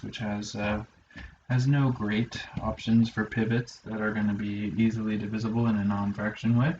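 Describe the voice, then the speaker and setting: A man's voice: medium pitch, darkish tone. A man teaching a college math lesson, talking himself through each step with fillers and dry asides. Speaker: math instructor. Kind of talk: lecture. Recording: roomy, slightly dull lo-fi sound with faint hiss.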